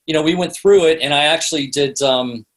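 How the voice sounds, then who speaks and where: Here the same kind of guest, a middle-aged sales expert and author on a podcast, talks a little high and fairly quickly. His anecdotes come out chatty and meandering, sprinkled with "you know."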